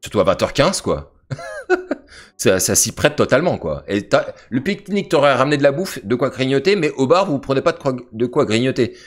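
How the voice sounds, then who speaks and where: A man's voice: a little fast, faint music behind. A man coaching on dating, commenting on a subscriber's messages in a blunt, slangy way and scolding the reader directly. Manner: animated, pitch jumps when making a point.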